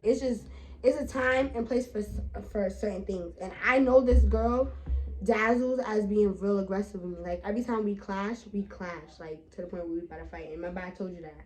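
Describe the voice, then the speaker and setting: A woman's voice: medium pitch, a little fast, a little mellow, poor audio. A young woman, telling a trip story in slangy casual chat with many asides to viewers. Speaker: vlogger.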